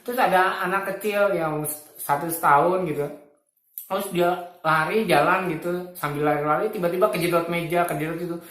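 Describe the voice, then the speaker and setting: A man's voice: a little high, fairly even intonation, a little fast, a bit bright, echoey room. A man in his fifties giving spiritual reflections in a casual, colloquial way, often chuckling as he makes his points. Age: 50s.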